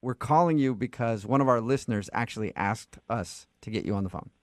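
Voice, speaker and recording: A man's voice: medium pitch, no room sound, studio quality. A man hosting a radio morning show, chatting and teasing his guest in a casual, joking way. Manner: teasing, joking, quick delivery. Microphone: studio microphone.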